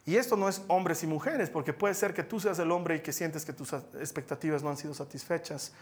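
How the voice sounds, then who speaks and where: A male pastor delivering a sermon with lively, humorous storytelling. He swings between loud emphasis and quiet, slowed asides. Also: fairly high pitch.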